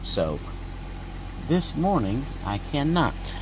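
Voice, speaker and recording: A man's voice: mid-range voice, big pitch swings, slow. A man vlogging while he drives, rambling through stories in a chatty, easygoing way. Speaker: used car dealer and channel host. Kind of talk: casual vlog while driving. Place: inside a moving car. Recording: road and car noise behind.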